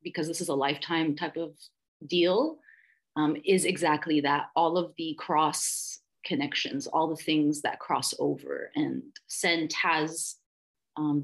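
A deep, creaky, slightly rough voice belongs to a woman in her thirties, a perfumer who grew up in Dubai. As a guest in an informal interview she is reflective and effusive, searching for words and filling pauses frequently.

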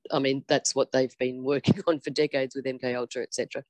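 A man's voice: medium pitch, little pitch movement, fast, dry recording. A man from Australasia co-hosting a podcast, musing aloud in a hesitant way with many ums. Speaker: podcast co-host. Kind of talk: casual chat.

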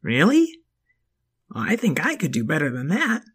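A man voicing an eager, dreamy young boy dinosaur in a children's story, excitable and pleading with a sing-song delivery. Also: fairly high pitch, a little slow, husky, full character voice.

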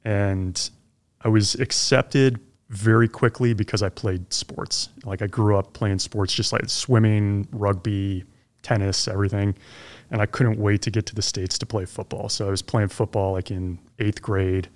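Low-pitched man in his forties, relaxed podcast guest, easygoing storyteller. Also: unhurried. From grew up abroad (Belgium, Zimbabwe, Pakistan), then Florida. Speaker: podcast guest, former Army helicopter pilot. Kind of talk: casual interview storytelling.

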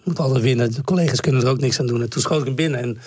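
A man in his forties, a former footballer, telling stories in a casual interview with a husky voice that cracks at times and many fillers. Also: medium pitch, very fast, darkish tone, dry recording, studio quality. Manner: rambling storyteller, many fillers and restarts. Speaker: guest, former professional footballer.

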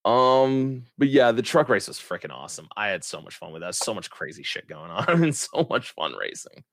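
A man hosting a racing podcast, chatting casually and excitedly with lots of fillers and restarts. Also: lowish voice, normal speed, slight background noise. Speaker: podcast host. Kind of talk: casual chat.

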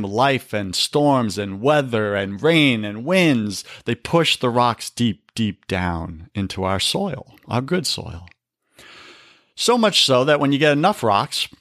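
A man's voice: medium pitch, a bit bright, no room sound, studio quality. A man talking on a faith podcast, preaching with emphasis and often calling the listener brother. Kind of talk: faith-based podcast talk.

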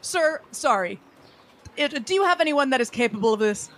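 A woman's voice: high voice, expressive, moderate pace, fairly bright tone. A woman chatting in character as a tabletop game player, hesitant and dryly argumentative. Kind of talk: casual in-character game chat.

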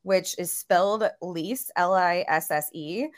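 A woman's voice: fairly low pitch, measured pace, clear, resonant tone. Chatty woman podcast co-host. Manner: chatty, upbeat, frequent "like" fillers. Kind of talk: casual food podcast chat.

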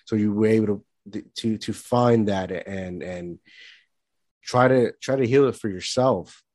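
Halting male interviewer with a low voice. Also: darkish tone, no echo. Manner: halting questions with restarts, affirming. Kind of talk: casual interview chat.

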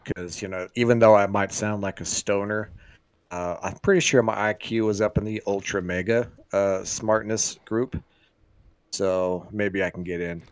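A man's voice: fairly low pitch, steady tone, moderate pace, clean tone, no room sound. A man co-hosting a casual podcast, chatting in a laid-back, joking way. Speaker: podcast co-host.

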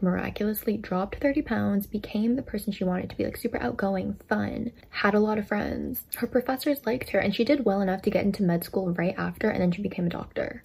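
A woman's voice: mid-range voice, creaky, mellow, breathy edge. A young woman in her twenties casually retelling a book's story, chatty with lots of filler words, into a desk microphone. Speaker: storytime vlogger.

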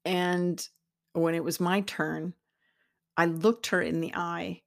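A middle-aged woman tells a personal story from her own life on her podcast. Her voice sits low with a gravelly edge, and she pauses and restarts as she reflects. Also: flat delivery. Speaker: podcast host.

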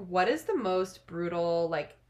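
A woman's voice: on the low side, animated, unhurried, darkish tone. A woman with an American accent, hosting a casual podcast interview in a chatty, enthusiastic way. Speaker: podcast host.

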